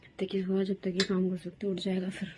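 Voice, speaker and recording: A woman's voice: medium pitch, completely flat delivery, fairly quick, noisy background. A young woman vlogging at home about her day, chatty and talking to her toddler in a sing-song voice. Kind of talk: casual home vlog. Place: home rooms, indoors.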